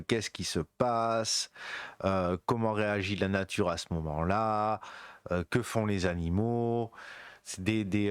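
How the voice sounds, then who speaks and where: Slow, hesitant low-voiced man podcasting. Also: no room sound, clean studio sound. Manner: hesitant, many fillers and restarts; playful jokey asides. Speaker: podcast host. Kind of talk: casual podcast monologue.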